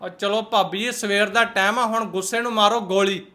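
A man's voice: sits high, fairly even intonation, fairly quick, bright, forceful tone, a little hiss or hum. A man with a Punjabi accent giving mocking, sarcastic reaction commentary in colloquial speech. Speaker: host of a roast reaction channel.

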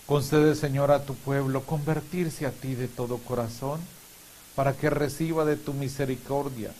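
Male priest, 50s, mid-range voice, measured and solemn homily and prayer delivery, hissy recording. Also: mid-range voice, steady tone, a little mellow. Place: small indoor chapel room. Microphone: lapel mic. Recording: clear background hiss.

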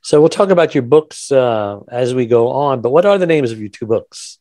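A man's voice: medium pitch, lively intonation, moderate pace, a little mellow, no echo, clean studio sound. A man hosting a radio-style podcast interview, talking in a chatty, upbeat promo patter. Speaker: podcast host.

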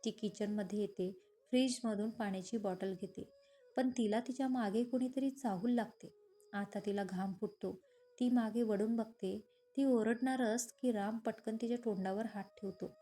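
A woman narrating a romance story with a steady, expressive reading. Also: medium pitch, normal speed.

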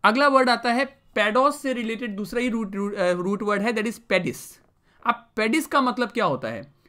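Guy teaching word roots, bright clear voice, keeps asking "what does it mean?" then answering. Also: high-pitched, expressive, normal speed. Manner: explains with repeated rhetorical questions; mixes English terms into Hindi speech. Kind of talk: vocabulary lesson.

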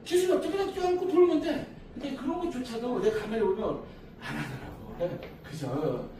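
A middle-aged man chats with his partner after a dance, boasting and laughing often. His pitch jumps around lively. He sounds far from the mic in a very echoey room with faint background noise. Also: fairly quick. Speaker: social dance instructor. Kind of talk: casual chat with a dance partner.

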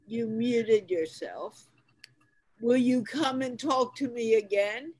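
An older woman leads an English conversation class on a video call. Her voice sits high and she speaks slowly, with patient teacherly care, over a call connection. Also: a little mellow, poor audio. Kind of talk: online video call chat.

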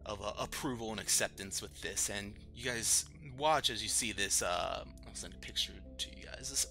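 A man's voice: fairly low pitch, normal speed, creaky, sharp tone, soft background music. A man working as game master, narrating a tabletop fantasy game in descriptive prose.

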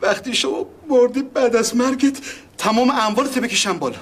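A man's voice: very high voice, slightly rough. An actor playing a sly man who talks in a wheedling, conspiratorial way. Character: sly man making a deal. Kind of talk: sitcom acting.

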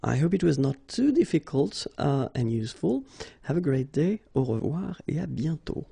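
French guy teaching grammar, super gravelly, kinda husky, slow and patient. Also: on the high side, big pitch swings, warm tone. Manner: patient, explanatory, says "okay" often. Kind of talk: language lesson explaining grammar.

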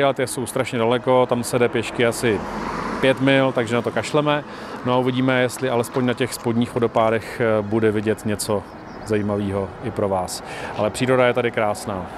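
A man's voice: mid-range voice, background noise. A man in his thirties, a travel vlogger chatting casually and joking as he walks through a mountain park, filming himself on a phone at arm's length. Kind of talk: casual travel vlog with narration. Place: outdoors in a mountain park, walking. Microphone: phone held at arm's length.

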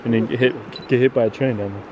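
A man's voice: medium pitch, steady tone, fast, mellow, poor audio. A man in his twenties joking and teasing casually outdoors, picked up by a handheld camera. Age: 20s. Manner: jokey, teasing. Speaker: vlogger's companion. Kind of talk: casual chat. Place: outdoors in snow by a roadside or yard. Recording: clear outdoor noise on camera mic.

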